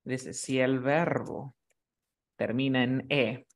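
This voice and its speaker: Man, English teacher, patient classroom explanation, frequent check-in questions, middle pitch. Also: fairly even intonation, slow pace.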